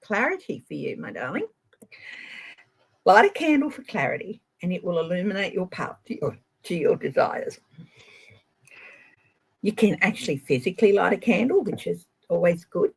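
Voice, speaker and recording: A middle-aged Australian woman giving a gentle, chatty tarot reading on a live stream and addressing viewers by name. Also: fairly low pitch, very animated, moderate pace, creaky, pauses often, slightly rough, low-quality recording. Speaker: tarot reader.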